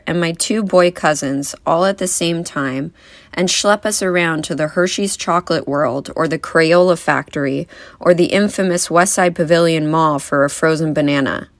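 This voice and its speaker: A young woman speaks at a memorial, delivering a eulogy full of wry, gently humorous stories. Her voice sits low for a woman. The sound is dry and close, with no room echo. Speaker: granddaughter giving a eulogy. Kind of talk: eulogy speech.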